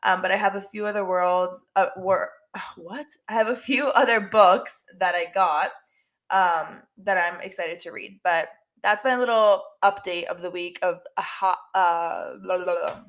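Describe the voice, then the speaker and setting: A woman's voice: lowish voice, a little slow, a bit bright. A young woman chats through her solo podcast, her voice a little stuffy and nasal from allergies. She rambles casually, leaning on "like" and repeating herself. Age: young adult. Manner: chatty, filler-heavy with lots of "like" and repeats. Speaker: podcast host.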